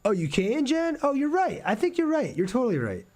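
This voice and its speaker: Very high-pitched and wildly swooping, this man's voice runs a little fast yet sounds a little mellow. He's a streamer giving casual gameplay commentary, talking with viewers and thinking aloud mid-play.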